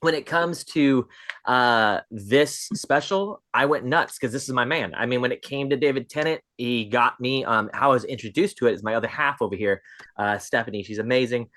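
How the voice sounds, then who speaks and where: A man chatting as a livestream guest, telling stories in an excitable, animated way. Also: medium pitch, normal speed, no echo, clean studio sound. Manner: excitable, animated storytelling with big swings. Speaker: podcast guest. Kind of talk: casual livestream chat.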